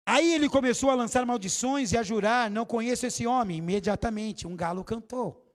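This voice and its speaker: A man preaching a sermon as bishop in a church, lively and theatrical. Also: very high-pitched, a little fast. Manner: animated, theatrical preaching with acted quotes.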